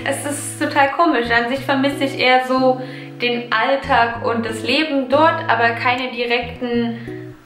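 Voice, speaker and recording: Seated on her living-room sofa, a German woman in her twenties answers viewer questions in a casual Q&A vlog, chatty and reflective, pausing now and then as she searches for words. Her high voice holds a steady tone and echoes noticeably in the room, with soft music behind her.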